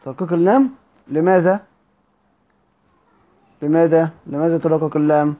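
Egyptian teacher, male, fairly high-pitched, quizzes students with repeated questions, muffled lo-fi recording. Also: fairly even intonation. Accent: Egyptian Arabic. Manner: repeats questions to students, drawn-out recited passages. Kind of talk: classroom lecture with slow chanted recitation.

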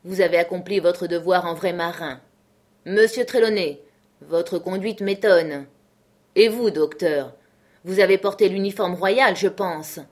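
A woman's voice: lowish voice, measured pace. A woman voicing a stern, commanding male sea captain in a read-aloud novel. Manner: firm, commanding, reproachful. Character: stern commanding ship captain, man, unyielding.

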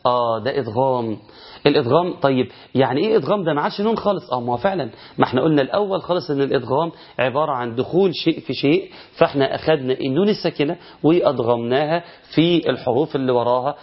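A man's voice: mid-range voice, very fast, lo-fi sound. A man with an Egyptian Arabic accent teaching a recorded Quran recitation lesson, asking himself questions and answering them.

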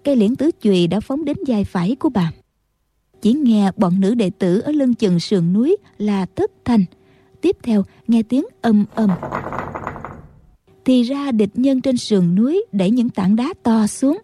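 Woman narrator, husky and mellow, fairly high, dry close mic, steady audiobook storytelling. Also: measured pace, dry recording. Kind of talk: scripted narration.

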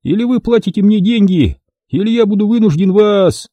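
A man's voice: high voice, normal speed, warm tone, no room sound, dull audio, voice pushed up. A man reading an audiobook voices a curt, nervous male photographer who brokers murders and hisses orders. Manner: curt, hissing, commanding.

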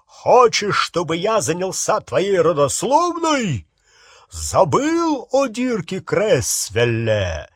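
A man voicing a young wizard disguised as a powerful official, talking with booming authority. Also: unhurried, husky, no echo, clean studio sound. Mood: roaring menace. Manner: commanding, booming.

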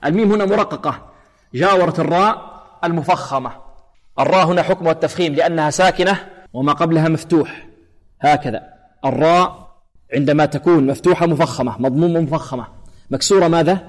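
A man teaching Quran recitation rules, explaining and then slowly demonstrating letters and verses. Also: a little high. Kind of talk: tajweed lesson with recited examples. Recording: long hall reverb.

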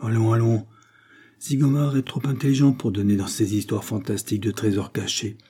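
A man's voice: lowish voice, flat delivery, a little fast, warm tone, slightly rough. A man reading the lines of a shrewd, grave middle-aged detective chief who reasons with insistence. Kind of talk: scripted narration.

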